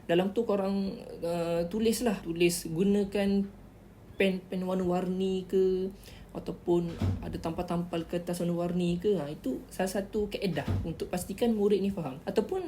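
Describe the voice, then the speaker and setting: A woman's voice: on the low side, fairly even intonation, moderate pace, mellow, a little hiss or hum. A woman giving chatty, instructive tips in a casual tutorial vlog, repeating key words as she explains. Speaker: vlogger giving interview tips.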